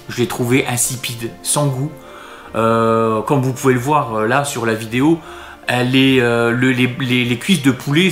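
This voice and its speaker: A man's voice: medium pitch, a bit bright, echoey room. A man talking casually to camera as a restaurant vlogger, hesitant and full of fillers and restarts.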